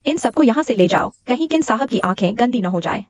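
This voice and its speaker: A woman's voice: on the high side, expressive, fairly quick, darkish tone, dry recording. A woman voicing a commanding, formal eldest daughter of a wealthy family in a dubbed drama. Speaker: dub voice actor. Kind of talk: Hindi drama dubbing.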